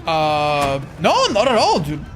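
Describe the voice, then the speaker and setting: A man streaming a video game, chatting casually with his viewers in a slightly raspy, tired voice, animated and swearing freely. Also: on the high side, slow, faint music behind. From Andorra. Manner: animated, swearing, answers chat while playing. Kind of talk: casual live-stream chat.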